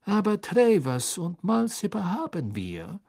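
A man's voice: sits high, huge pitch swings, measured pace, vocal fry, a little mellow, husky, dry recording, studio quality, voice pushed up, heavily acted. A man voicing a cold, stern older male magistrate who speaks in a cool, clipped, formal way.

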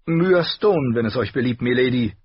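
A man's voice: mid-range voice, animated, normal speed, slightly rough, no echo, dull audio, pitched above the performer's own voice. A man voicing a wiry, boastful teenage girl guide who talks cockily and eagerly. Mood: cocky. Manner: cocky and eager.

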